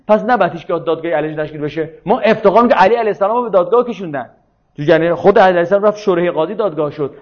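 A man's voice: high voice, dull audio. A man giving an informal, argumentative lecture who often asks his listeners whether they follow. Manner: argumentative, checks listeners follow with rhetorical questions. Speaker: speaker on religion and politics.

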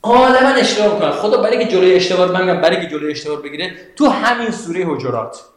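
A man giving a lecture on Quranic verses to a class, animated and questioning his listeners, reciting Arabic verses slowly. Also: high-pitched. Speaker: religious teacher. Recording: very echoey room.

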